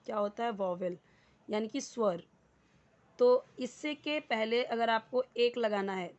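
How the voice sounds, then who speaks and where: A woman's voice: on the high side, lo-fi sound. A woman teaching English word by word, patient and explanatory. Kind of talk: Hindi-medium English lesson.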